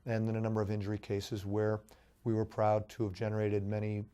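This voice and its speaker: A middle-aged man, hoarse from a cold, telling his background as a judicial candidate in an earnest, measured way. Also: lowish voice, completely flat delivery, dark tone. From Chicago, USA. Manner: earnest, anecdotal, measured with fillers. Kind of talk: interview guest.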